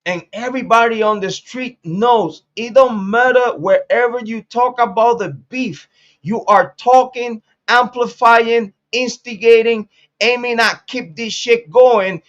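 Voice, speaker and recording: A man's voice: very high-pitched, unhurried, a bit bright, lo-fi sound. A man in his late forties from Puerto Rico, hosting a casual commentary monologue in a blunt, profane way, repeating phrases for emphasis. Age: 40s. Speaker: commentary channel host.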